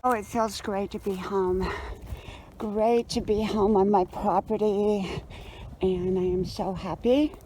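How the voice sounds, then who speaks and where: A woman in her sixties vlogging casually while out on a run, chatty and reflective, offering gentle homespun advice outdoors. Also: mid-range voice, steady tone, slow, slight background noise, poor audio. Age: 60s. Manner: chatty, reflective, talking while running at an easy pace. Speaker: vlogger with a wisdom channel. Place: outdoors on a trail and roadside.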